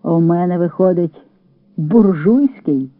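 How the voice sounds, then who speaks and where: A jesting partisan fighter with a light, teasing way of talking, as a male reader voices him. His voice sits a little high and sounds close and dry. It comes through a thin, tinny radio recording. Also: brisk, dry recording, faint music behind. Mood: joking. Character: joking Latvian partisan man, Oswald.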